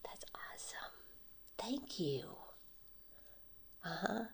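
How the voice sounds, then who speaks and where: In an ASMR roleplay, a woman plays a friendly flea market vendor, speaking softly, often drifting into whispers and laughing lightly and often. Her mid-range voice is creaky and husky, very animated yet slow.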